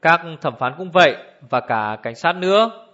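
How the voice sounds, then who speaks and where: A man's voice: fairly high pitch, expressive, pushed and bright. A man reading a cold, exacting old judge. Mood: cold, deliberate. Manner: measured, icy authority. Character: cold, precise elderly male judge. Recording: dull lo-fi recording.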